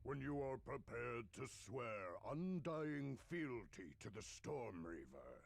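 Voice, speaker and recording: Man putting on a dopey bellowing giant, gravelly. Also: very animated, takes it slowly, dry recording, full character voice. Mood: menacing. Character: menacing giant herald, loud dull-witted brute. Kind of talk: game master voicing a monster. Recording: very noisy, rumbling background.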